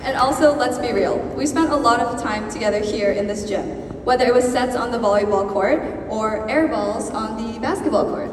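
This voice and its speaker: A woman's voice: on the high side, moderate pace. A young woman in her late teens giving a scripted graduation podium speech as a student valedictorian. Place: large school gym, on stage. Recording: echoey gym hall, distant mic, noisy.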